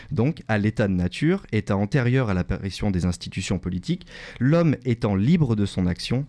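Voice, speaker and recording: A man's voice: fairly low pitch, darkish tone. A man giving a prepared radio talk on economic history, lecturing and correcting himself with small jokes. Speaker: radio columnist.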